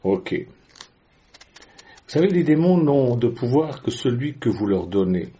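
A man's voice: medium pitch, sing-song, moderate pace, warm tone, muffled recording. A man preaching a sermon in a conversational way, with rhetorical questions and frequent hesitations.

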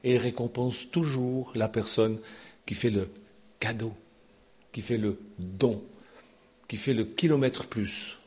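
A man preaching a sermon in an animated way, swinging from loud exclamations to near-whispers. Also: medium pitch, slow, long pauses, husky.

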